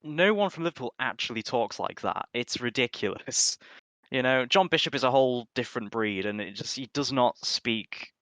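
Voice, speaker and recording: Bright-voiced, wry young man on a podcast. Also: medium pitch, expressive, moderate pace, dry recording. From north-west England. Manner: wry, dry humour. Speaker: podcast panelist. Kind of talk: casual podcast chat.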